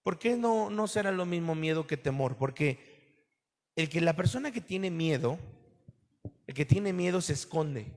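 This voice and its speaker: A pastor preaching a sermon to his congregation, animated and full of questions to his listeners. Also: fairly high pitch, unhurried, long reverb tail.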